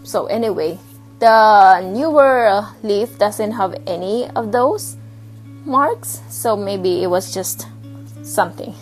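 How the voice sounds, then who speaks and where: Indoors at home beside her plant shelf, a woman vlogs a casual show-and-tell of her plants, talking slowly and chattily and pausing to hunt for words. She sounds slightly out of breath, her mid-range voice is animated, and soft music plays under a low-quality recording.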